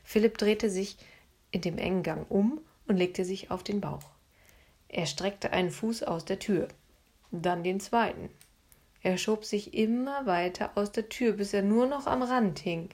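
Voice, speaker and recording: A woman narrating a children's storybook in a hushed, suspenseful manner. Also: mid-range voice, unhurried, husky. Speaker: audiobook narrator.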